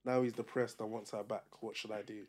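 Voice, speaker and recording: A man's voice: fairly low pitch, level tone, brisk, darkish tone, slightly rough. A young man with a London roadman accent, co-hosting a podcast in casual street slang. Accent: London, roadman street style. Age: young adult. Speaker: podcast co-host.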